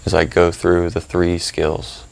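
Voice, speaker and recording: A male meditation teacher guides listeners calmly and slowly, his low register creaky. He leaves long, roomy pauses between instructions and never hurries.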